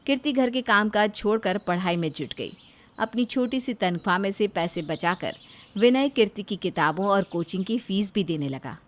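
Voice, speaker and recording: A woman narrating a moral story in even, scripted storytelling. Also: medium pitch, normal speed.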